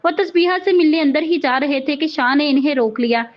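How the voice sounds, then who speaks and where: A woman with a high voice reads a romance novel aloud, keeping a steady storytelling manner. The audio is slightly dull and muffled. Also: brisk. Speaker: novel reader.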